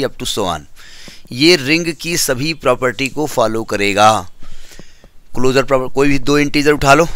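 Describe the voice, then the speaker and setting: A man's voice: mid-range voice, fairly bright tone, no room sound. A man teaching a maths lecture, explaining step by step and repeating key terms. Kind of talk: classroom lecture.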